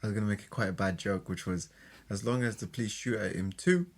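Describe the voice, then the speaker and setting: A man's voice: lowish voice, quick pace. A young man co-hosting a podcast, laid-back and joking in casual chat. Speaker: podcast co-host.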